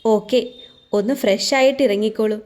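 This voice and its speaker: A woman's voice: mid-range voice, fairly even intonation, normal speed, darkish tone, lightly acted. A woman voicing a male office manager who speaks in a concerned, businesslike way.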